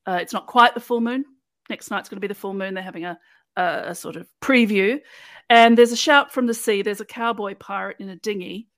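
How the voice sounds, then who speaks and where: A woman's voice: medium pitch, a little fast, fairly bright tone, dry recording. A woman hosting a podcast, walking through an episode in a playful, chatty storytelling way. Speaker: podcast host recapping episodes. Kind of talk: casual chat, episode recap.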